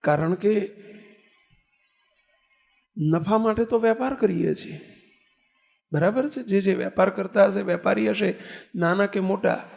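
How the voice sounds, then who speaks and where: High, gravelly-voiced man preaching. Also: measured pace, pauses often, a little mellow. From Gujarat, India. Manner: rhetorical questions, storytelling with quoted dialogue. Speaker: swami preaching a discourse. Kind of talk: sermon. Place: temple assembly hall.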